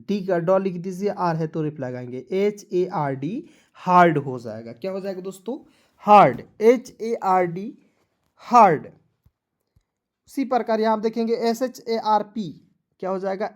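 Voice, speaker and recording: A man teaching an online lesson. He breaks words apart letter by letter and keeps checking with viewers whether it is clear. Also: sits high, a little mellow. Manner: addresses viewers as friends, asks for likes. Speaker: English teacher.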